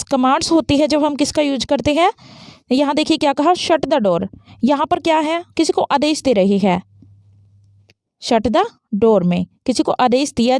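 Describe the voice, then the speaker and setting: A woman teaching an English grammar lesson at a fast pace, explaining step by step and asking and answering her own questions. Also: high-pitched, darkish tone, dry recording, clean studio sound.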